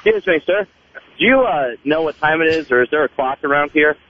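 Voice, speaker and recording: A man phones in from the street on a cell connection that keeps breaking up and sounds underwater. His voice sits a bit high, dulled and muffled by the line, with clear hiss and noise behind it. He laughs easily and throws himself into mock-shocked overreactions. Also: expressive, a little fast. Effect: cell phone call with a bad, underwater-sounding connection. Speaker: show producer calling in as field reporter. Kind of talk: casual banter and street prank bits.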